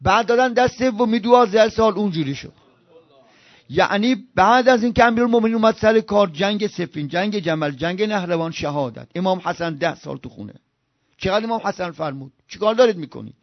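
A man preaching an impassioned sermon. He swings from loud outbursts to hushed murmurs and chants scripture in a slow recitation. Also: high-pitched, lively intonation, no echo, lo-fi sound.

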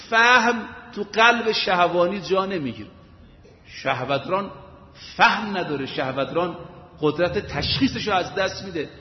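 A man giving an emphatic sermon, asking rhetorical questions and retelling stories with quoted voices. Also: high-pitched. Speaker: preacher. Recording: echoey hall, dull lo-fi sound.

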